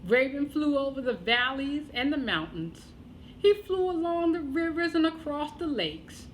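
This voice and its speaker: A woman telling a children's tale as a storyteller, expressive and deliberate, with dramatic pauses. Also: high-pitched, a little hiss or hum, rough recording.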